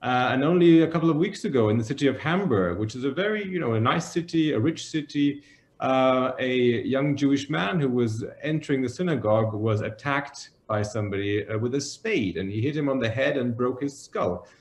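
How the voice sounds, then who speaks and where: A man from Germany, a journalist and author speaking earnestly in a remote interview, pausing and restarting as he goes. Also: medium pitch, animated. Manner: earnest, measured, with pauses and restarts. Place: room in Berlin. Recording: echoey room.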